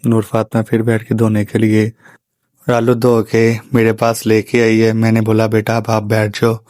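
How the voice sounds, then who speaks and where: A man's voice: on the low side, monotone, normal speed, darkish tone, no echo. A man narrating a family vlog as a father, plainly recounting the day's events step by step. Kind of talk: voice-over storytelling.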